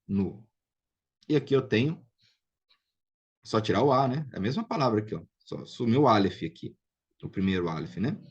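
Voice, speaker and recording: A man with a Brazilian Portuguese accent teaches a live online biblical Hebrew class, patiently explaining, drilling pronunciation, and checking in with students as he goes. His voice is fairly low, a little mellow and husky, with lo-fi sound quality.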